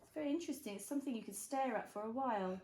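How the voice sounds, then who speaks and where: A woman's voice: a little high, racing, a little mellow. A woman reading a picture book aloud to a young child, adding chatty, encouraging asides and questions. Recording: roomy echo, clear background noise and clicks.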